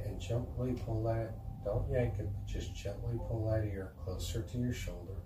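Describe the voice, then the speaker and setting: A man calmly and gently leading a guided stretching routine as an instructor, talking in an unhurried way. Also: on the low side. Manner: calm, gentle, unhurried coaching. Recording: echoey room, distant mic, noisy background.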